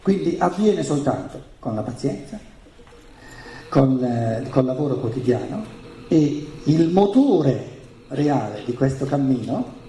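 German-accented man lecturing, very animated pitch. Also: takes it slowly, slight background noise. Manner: emphatic, repeats phrases and poses rhetorical questions. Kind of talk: spiritual lecture to an audience. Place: indoor room with an audience. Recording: roomy, echoing live talk.

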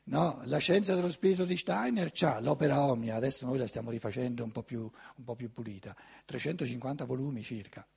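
An older man giving a conference talk in a lecture hall, animated and conversational, often asking his audience rhetorical questions. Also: medium pitch, a little fast, vocal fry, hardly any pauses, breathy edge.

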